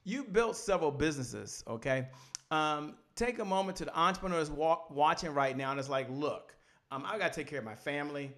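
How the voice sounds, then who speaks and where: The male show host has a high voice and an animated manner, gesturing with his hands as he talks a little fast. It's a casual green-room interview recorded in a home studio with a poster behind him, using a studio mic on a boom arm.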